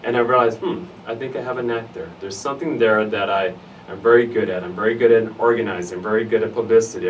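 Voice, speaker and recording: A middle-aged man with an East L.A. accent answers in a conversational interview. His voice is on the low side and he stresses points by repeating phrases. He is recorded a little far from the mic, with faint noise. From United States, East Los Angeles area. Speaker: interviewee, fraternity alum. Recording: noisy, distant mic, room ambience.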